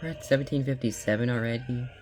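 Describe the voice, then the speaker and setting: A man reacting to a video with sarcastic, bickering, deadpan asides. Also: medium pitch, fast talker, faint music behind. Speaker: video reactor voicing a cast of characters.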